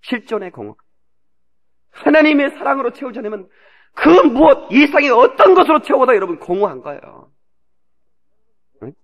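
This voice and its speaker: A male pastor preaches to his congregation. His voice is high and swings widely in pitch, jumping from near-shouts to quiet asides. It comes from an old cassette tape recorded in a church. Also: moderate pace, long pauses, lo-fi sound. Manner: animated preaching, sudden shouts and drops to a hush. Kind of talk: sermon. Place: church sanctuary.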